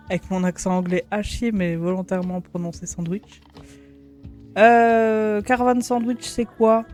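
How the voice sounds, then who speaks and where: Chatty woman streamer with a mellow voice. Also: on the low side. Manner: chatty, many fillers. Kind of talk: casual live-stream commentary.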